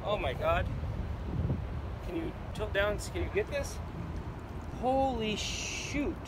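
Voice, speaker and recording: Excitable man filming on a pier. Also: high voice, takes it slowly, background noise. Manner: excitable, exclaiming at finds. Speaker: vlog host filming. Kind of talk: casual outdoor vlog commentary. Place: outdoors on a waterfront pier.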